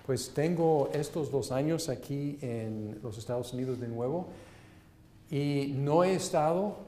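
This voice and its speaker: A man teaching a seminary class, speaking in a measured way with many fillers. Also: medium pitch, mellow, roomy sound. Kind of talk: leading a class and prayer.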